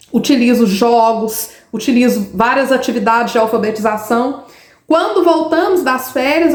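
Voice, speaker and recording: Brazilian female literacy teacher, high voice, patient and explanatory, echoey room. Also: a little mellow. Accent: Brazilian Portuguese. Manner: patient, explanatory, frequent tag questions. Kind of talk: explaining pupils' writing samples.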